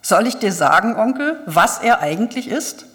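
A woman's voice: mid-range voice, sing-song, moderate pace, fairly bright tone. A woman reading the lines of an eager young male student who earnestly explains. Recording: long hall reverb.

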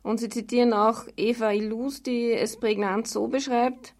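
Woman asking questions, higher voice, measured and clear. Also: steady tone, darkish tone. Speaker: interviewer. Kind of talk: radio interview questions.

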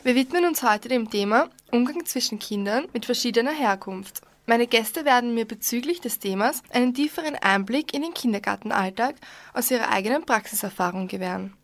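A woman's voice: fairly high pitch, expressive, fairly quick, dry recording. A young woman hosting a radio interview, reading formal questions from a script. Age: young adult. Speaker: interview host.

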